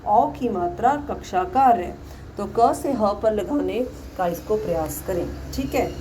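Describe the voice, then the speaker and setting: A woman teaching a Hindi lesson, sounding out each syllable slowly and stressing the examples. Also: mid-range voice, noisy background. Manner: drawn-out sounding of vowels, emphatic on examples. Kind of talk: slow classroom lesson.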